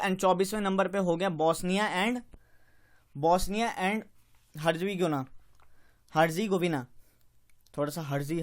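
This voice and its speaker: High-voiced man drilling map lessons. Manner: repetitive drilling, slows on tricky country names; self-correcting, apologizes for slips. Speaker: geography teacher. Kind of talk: exam-prep map lecture.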